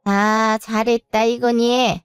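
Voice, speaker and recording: A woman's voice: a little high, flat delivery, takes it slowly, clear, resonant tone, no room sound, studio quality, faint music behind. A woman voicing a reproachful, pushy middle-aged mother-in-law who talks down and scolds in a story reading. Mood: sulky, defensive.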